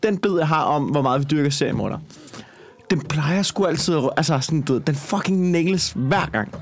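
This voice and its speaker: A man, a stand-up comedian telling a story in casual conversation and swearing a lot. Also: a little high. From Copenhagen. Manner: swears a lot, heated and animated when retelling.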